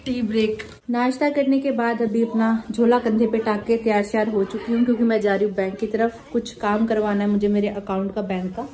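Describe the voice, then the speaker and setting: A woman's voice: on the high side, level tone, brisk, mellow. A woman narrating her daily vlog in a chatty, teasing way, asking lots of questions. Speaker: vlogger. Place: at home and out running errands.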